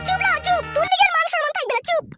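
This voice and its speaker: Very high-pitched, fast-talking scolding woman. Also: over loud music. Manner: scolding, crude banter. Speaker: mother in comedy sketch.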